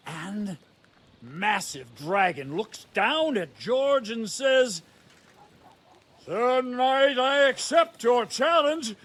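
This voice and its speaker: A man's voice: extremely high pitch, heavily acted. An actor voicing a brash, foul-mouthed young nobleman in a video game, mocking and crude. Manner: lively storyteller, mocking and crude.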